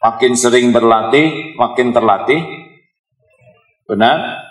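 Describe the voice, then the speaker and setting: A man's voice: medium pitch, slow pace, faint music behind. A middle-aged man preaching to a live audience, mixing heartfelt prayer with teasing jokes and acted-out exchanges. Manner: humorous, teasing the audience, acting out prayers and quarrels. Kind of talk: sermon. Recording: echoey hall.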